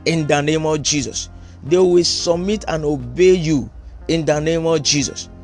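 A male preacher in full prophetic declaration mode, hammering out each line with steady emphasis. His voice sits a little high for a man. Soft music plays quietly beneath him. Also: measured pace.

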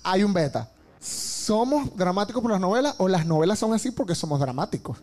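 High-voiced Venezuelan man hosting a chat. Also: a little fast, slight background noise. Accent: Venezuelan Spanish. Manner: animated, joking, slangy. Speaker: podcast host. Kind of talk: casual comic chat.

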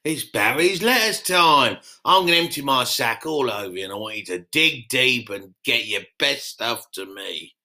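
A man voicing a brash, foul-mouthed middle-aged country pub landlord who talks loud and boastful in a comedy podcast. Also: mid-range voice, lively intonation, normal speed, hardly any pauses. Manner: boastful, loud, swears a lot. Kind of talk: comedy podcast character monologue.

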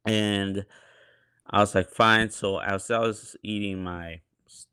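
A man's voice: lowish voice, fairly even intonation, slow, a bit bright, clean tone, no echo. A young man telling a story in a laid-back, colloquial way on a podcast. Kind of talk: casual storytelling.

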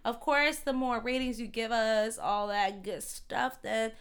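A woman co-hosting a podcast in casual chat, playful and quick to laugh, full of slang and repeated catchphrases. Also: fairly high pitch, fairly even intonation, clean tone. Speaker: podcast co-host.

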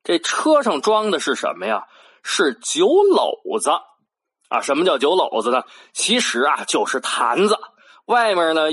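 A storyteller with a Beijing accent telling an old folk tale in a lively way, with playful asides and spoken sound effects. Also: mid-range voice.

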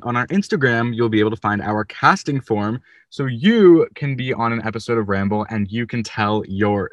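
A young man hosting a podcast, talking in a calm, slightly quiet way. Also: medium pitch, no echo. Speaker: podcast host. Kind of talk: casual chat and outro.

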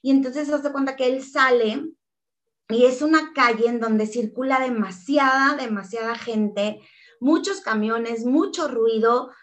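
An interview guest with a Mexican accent tells a personal story in a slightly high voice at a measured pace. She is earnest and emotional, often acting out what other people said.

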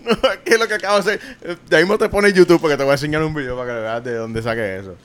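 A man's voice: on the high side, racing, clear, resonant tone. A man co-hosting a podcast, mostly chiming in with short agreements. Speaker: podcast co-host. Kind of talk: casual podcast chat.

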